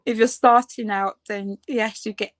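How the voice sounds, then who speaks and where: A woman's voice: medium pitch, fairly even intonation, unhurried, dry recording. A woman in her late thirties from the United Kingdom, a fashion designer chatting casually in an interview, with many fillers and frequent laughs. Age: 30s.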